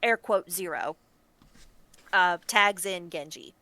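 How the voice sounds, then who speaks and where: A woman's voice: fairly low pitch, takes it slowly, sharp tone, dry recording. A woman running a tabletop game as game master, narrating casually and often breaking off to correct herself. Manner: chatty, self-interrupting, laughs at her own setup.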